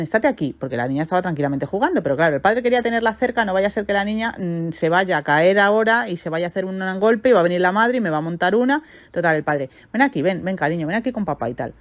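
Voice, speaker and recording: A woman podcast host tells a story expressively and often asks rhetorical questions. Her voice sits a little low. The recording is dry and close. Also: no echo. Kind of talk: storytelling monologue.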